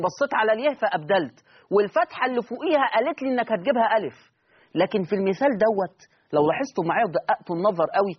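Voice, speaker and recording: A man's voice: high voice, slightly rough, dull audio. A man with an Egyptian Arabic accent teaching Quran recitation rules step by step, asking his students questions and answering them himself. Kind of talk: recorded lesson.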